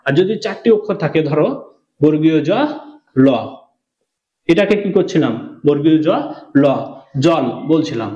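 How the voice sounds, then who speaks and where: A man teaching a beginner reading lesson, slow and patient, asking questions and answering them himself. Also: on the high side, warm tone. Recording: echoey room, dull lo-fi sound.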